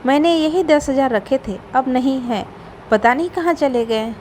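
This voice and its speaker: A woman's voice: high voice, normal speed, a little mellow, slight background noise, natural voice. A woman voicing a stern middle-aged mother-in-law who scolds and suspects her daughters-in-law. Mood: worried. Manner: scolding, suspicious.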